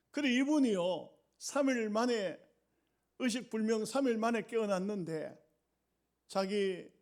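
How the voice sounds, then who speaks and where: A male pastor preaches a sermon, telling a story dramatically and often letting his voice sink low and quiet.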